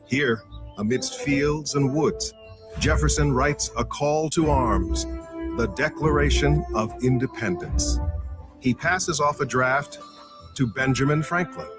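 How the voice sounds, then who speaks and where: A man narrates a history documentary in a measured, even voice. Clear background music runs under his words, and the sound comes from a played-back clip. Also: mid-range voice.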